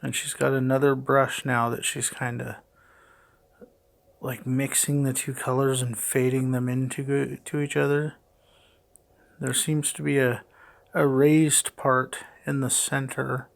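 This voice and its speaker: Gravelly man, flat delivery, breathing heavily. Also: medium pitch, a little slow. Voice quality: heavy, audible breathing; gravelly, creaky. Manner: hesitant, puzzled, matter-of-fact. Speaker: father doing a voice-over for his daughter's makeup video. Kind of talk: unscripted play-by-play narration.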